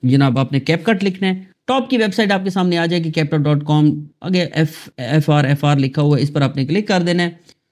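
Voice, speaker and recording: A man from Pakistan hosting a screen-recorded software tutorial, talking chattily to his viewers. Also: a little high. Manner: chatty, addresses viewers as "janab" and "dosto". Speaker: tutorial host.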